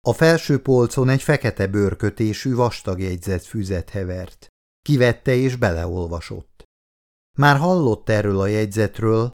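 A man reading an audiobook in scripted narration, with a steady, even delivery. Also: lowish voice.

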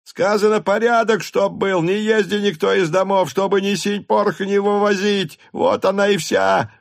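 A man voicing an angry male peasant shouting in a crowd, in an audiobook. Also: high voice, steady tone, moderate pace, creaky, no room sound, clean studio sound, pitched above the performer's own voice.

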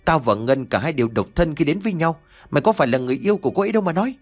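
A man's voice: fairly high pitch, animated, very fast, faint music behind, pitched above the performer's own voice. A man doing a defiant frightened young man. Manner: alarmed, urgent.

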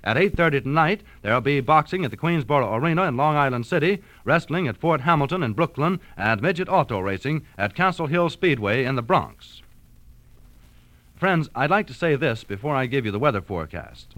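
A man reading a 1939 radio sports report in a brisk, conversational way. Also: medium pitch, lively intonation, fairly bright tone, no room sound. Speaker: sports announcer.

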